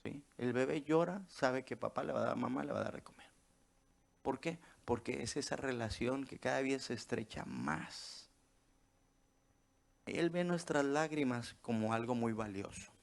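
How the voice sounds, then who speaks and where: A man's voice: mid-range voice, moderate pace, creaky. A man preaching a sermon as pastor, tossing out rhetorical questions and checking in with the congregation as he goes.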